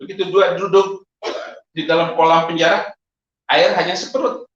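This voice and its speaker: A man, a pastor, preaching a testimony sermon with animated storytelling, frequent laughter and sudden high exclamations. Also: normal speed. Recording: echoey, distant, lo-fi hall sound.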